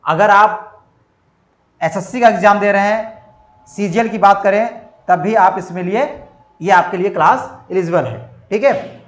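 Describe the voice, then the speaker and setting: Male teacher, high voice, echoey room, repeats key terms, self-quizzing lecture style. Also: measured pace, long pauses, a bit bright. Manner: drills by asking and answering his own questions; repetitive, emphatic. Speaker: reasoning teacher. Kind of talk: exam-prep lecture.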